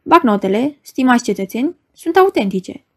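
A bleating, goat-like man's voice mocks and sneers at everyone, as a woman reader puts him on. He sits high and needles every line, a storybook trickster with no respect for anyone. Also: expressive. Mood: mocking. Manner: sneering, mocking. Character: mocking lanky male magician's assistant, bleating.

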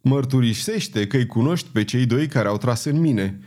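A man's voice: mid-range voice, animated, a little mellow, close to an everyday voice. A man doing a stern commanding swordsman knight. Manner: firm, commanding, sarcastic. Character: daring swashbuckling male knight, stern and commanding.

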